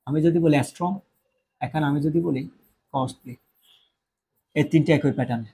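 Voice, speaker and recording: A man's voice: on the high side, normal speed, dark tone, a little hiss or hum. A Bangladeshi man teaching English grammar in Bengali, who keeps asking questions and answering them himself, with joking asides. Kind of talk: classroom lecture.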